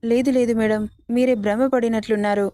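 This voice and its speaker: A woman voicing a guilt-ridden young married man in a narrated audio story, in her own fairly high, even voice. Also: brisk, dry recording, studio quality, natural voice. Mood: apologetic.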